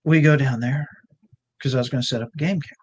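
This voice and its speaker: A man's voice: mid-range voice, fast talker, slightly rough. A man telling a rambling, folksy story in casual chat, full of fillers. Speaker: ranch owner and guest.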